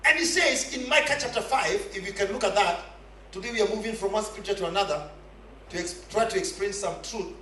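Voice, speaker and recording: A man preaching a sermon, calling for responses from the congregation and often shouting his points. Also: high-pitched, a little fast, recorded from a distance. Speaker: pastor. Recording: echoey hall, voice away from the mic.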